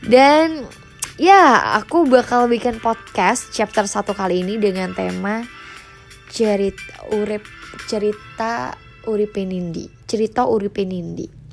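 A woman's voice: medium pitch, creaky. A young woman, hosting her own podcast in a chatty way with lots of fillers and English phrases thrown in. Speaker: podcast host. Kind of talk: casual solo podcast.

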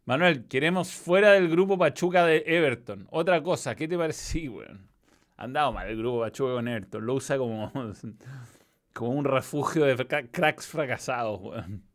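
With lively intonation, a medium pitch, and normal speed, a man hosts a casual football stream. He has a Chilean accent and swears freely while reading out chat messages.

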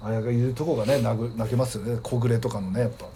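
A man from Hokkaido talks fast and rambles through his stories, letting asides trail off softly. He reads listener mail out as a co-host in a relaxed chat. A faint hiss sits under the recording. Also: medium pitch. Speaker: podcast co-host.

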